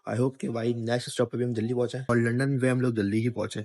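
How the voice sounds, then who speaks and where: A man's voice: mid-range voice, level tone, fast, darkish tone. A young man from Pakistan with a Pakistani Urdu accent, chatting casually into a handheld phone for his travel vlog and often asking viewers whether he is right. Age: young adult. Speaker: travel vlogger.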